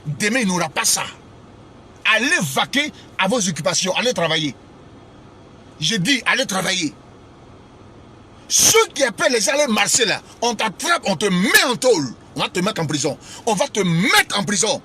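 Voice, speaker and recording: A male preacher with a high, ringing voice. He scolds fiercely and drives his points home by repeating phrases again and again. His tone stays sharp and forceful throughout. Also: big pitch swings, normal speed, a little hiss or hum. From Côte d'Ivoire. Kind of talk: impassioned social media address.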